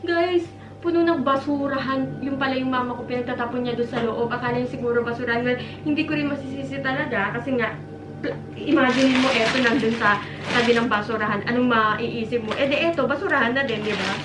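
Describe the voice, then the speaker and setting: A woman's voice: fairly high pitch, brisk, background noise. A woman from the Philippines telling a story in a casual vlog, chatty and talking straight to her viewers. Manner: chatty, addresses viewers as guys, mixes in English. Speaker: vlogger. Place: home. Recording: roomy echo, distant mic, faint ambience.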